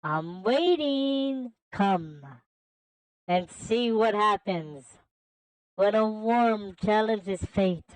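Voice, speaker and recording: A woman voicing a cold, menacing male villain who calls everyone a worm, making slow, grandiose threats that break into frantic stammering. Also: mid-range voice, expressive, smooth, low-quality recording.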